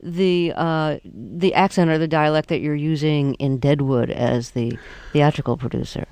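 Female interviewer, smooth mid-pitched voice in a dry studio-close sound, conversational and gently tentative in her questions. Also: a little slow, dry recording.

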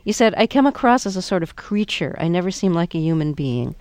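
Female interviewer, smooth mid-pitched voice in a dry studio-close sound, conversational and gently tentative in her questions. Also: expressive, fairly quick, no echo.

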